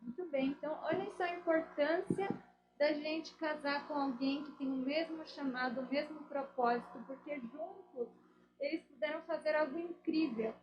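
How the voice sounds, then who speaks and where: High-voiced woman host, dull lo-fi sound. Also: moderate pace. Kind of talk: interview with guests.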